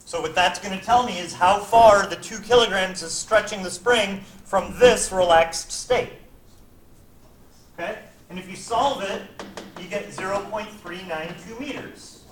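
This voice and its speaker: A man's voice: sits high, unhurried, a bit bright. Man teaching physics in echoey classroom. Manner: checks in often with "right?" and "okay?". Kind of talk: classroom lecture. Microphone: camera at a distance. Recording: echoey classroom, distant mic, faint noise.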